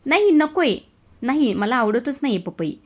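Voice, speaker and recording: A woman reads a guarded young woman guest from a family serial. She answers evasively, with soft, pointed remarks, close to the narrator's own voice. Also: medium pitch, brisk, natural voice.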